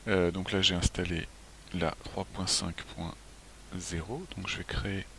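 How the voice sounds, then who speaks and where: Man, low voice, faint hiss. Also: unhurried. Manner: relaxed, clears throat often, hesitant restarts. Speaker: software tutorial presenter. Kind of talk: screencast walkthrough.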